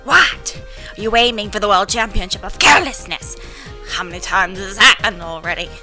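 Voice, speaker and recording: A woman acts out a rowdy, foul-mouthed old granny from a visual novel, scolding at full volume. The voice is very sharp and forceful, hot-tempered and gruff in manner, over clear background music. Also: medium pitch, fairly quick. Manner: loud, shouting, gruff scolding.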